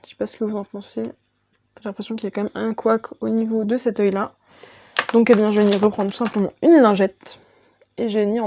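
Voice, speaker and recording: Woman beauty vlogger, fairly high, mellow dry voice, chatty step-by-step tutorial, slightly dull recording. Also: vocal fry, breathy edge, dry recording. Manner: chatty, talks through each step. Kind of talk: makeup tutorial voice-over.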